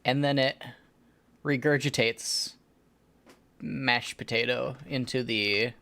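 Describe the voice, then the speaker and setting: A man narrating a tabletop role-playing game as game master, describing scenes in a halting, improvised way. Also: medium pitch, steady tone, bright, forceful tone, a little hiss or hum.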